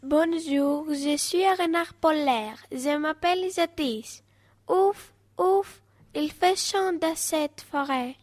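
Student actress doing a chatty little arctic fox for a school radio play, very high-pitched and slow. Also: female voice, a little mellow. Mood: cheerful. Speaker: student actor.

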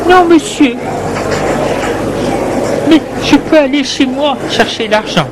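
A man voicing a frightened, desperate woman who pleads in a high, breathless voice. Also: lively intonation, slow, heavily acted. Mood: embarrassed. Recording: noisy background with passing vehicles.

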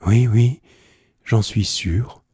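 A man's voice: lowish voice, drawn-out words, mellow, husky, dry recording, studio quality, full character voice. A man voicing an anxious young woman who stammers and begs, read aloud from a classic story. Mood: pleading. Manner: hesitant, stammering, begging.

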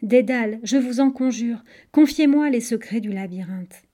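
A woman's voice: fairly high pitch, moderate pace, dark tone, natural voice. A woman voicing an earnest young princess in a storybook reading, speaking in an imploring, heartfelt way.

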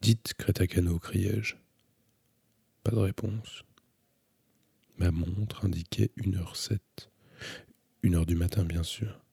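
A man calmly reading a novel aloud as an audiobook narrator, in a measured, introspective way. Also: low voice, gravelly, slightly rough, dry recording.

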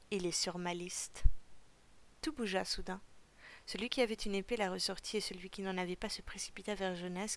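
Gravelly, low-voiced woman narrator. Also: a little hiss or hum. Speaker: narrator reading a novel. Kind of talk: audiobook reading.

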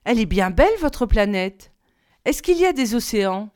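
An earnest young boy prince who keeps asking eager questions, as a woman reads him aloud. His voice sits high and rings smooth and clear. He sounds like a character from a storybook audiobook. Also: sing-song, normal speed, a little mellow. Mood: curious. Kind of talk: audiobook reading.

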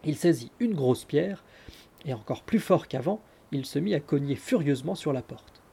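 A man reading a classic tale aloud in a measured, expressive way. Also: on the high side, creaky, husky. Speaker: audiobook reader. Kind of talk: scripted narration of a classic tale.

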